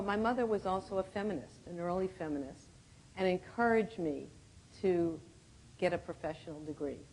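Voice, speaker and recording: A woman in her seventies giving a reflective storytelling talk to a conference audience, often clearing her throat. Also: lowish voice, darkish tone, slight background noise, poor audio. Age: 70s. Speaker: conference speaker.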